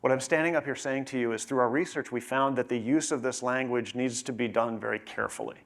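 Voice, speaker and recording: Gravelly-voiced man presenting on stage. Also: medium pitch, steady tone, fast talker. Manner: conversational, frequent tag questions. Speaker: conference speaker. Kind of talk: presentation to professionals. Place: on stage at a conference.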